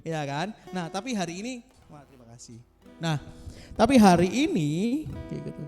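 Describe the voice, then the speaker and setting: A man's voice: high-pitched, big pitch swings, moderate pace, a little mellow, long reverb tail, soft background music. A male pastor, giving a casual, joking devotional talk to a small group over a video call. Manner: joking, chatty, self-mocking.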